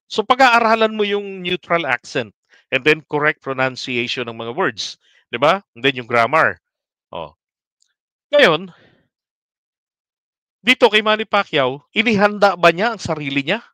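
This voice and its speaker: Male vlogger, casual political commentary; polite, rhetorical-question style, slightly high, smooth tone. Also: pushed and bright, no echo. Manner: keeps asking viewers rhetorical questions, mixes in English words; polite, addresses audience respectfully.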